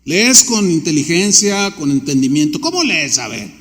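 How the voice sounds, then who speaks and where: A male pastor delivers a conversational sermon in a notably high voice, slipping into little acted dialogues. The sound carries the long reverb of a large church hall. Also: big pitch swings, moderate pace, a bit bright. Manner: conversational preaching, acts out dialogue.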